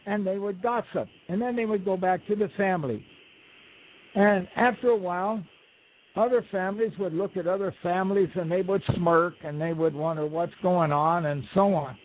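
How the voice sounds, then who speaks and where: A man with a slightly high voice spins folksy stories and jokes, slipping into little quoted voices. He is heard over a tinny phone line with a faint hiss behind him. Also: moderate pace. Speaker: guest storyteller. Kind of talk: relaxed conversational storytelling.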